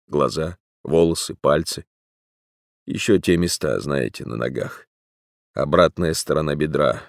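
A man's voice: a bass voice, gravelly, no echo, studio quality, full character voice. A man playing a grave, frank man near forty. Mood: earnest. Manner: earnest, grave, sentimental confession. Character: man around 42, frank and wistful.

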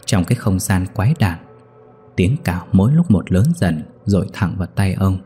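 A low, dark, very husky male voice tells a ghost story in a slow, somber way. Soft music plays faintly under the narration. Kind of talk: scripted horror story narration.

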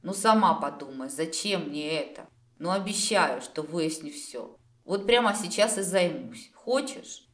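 A woman's voice: on the low side, big pitch swings, normal speed, hardly any pauses, roomy sound. A woman reading as a coaxing male demiurge. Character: calm, scheming male demiurge, placating.

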